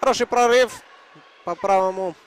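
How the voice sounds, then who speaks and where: A man's voice: high voice, moderate pace, a little hiss or hum. A man giving live commentary on an ice hockey match as it unfolds.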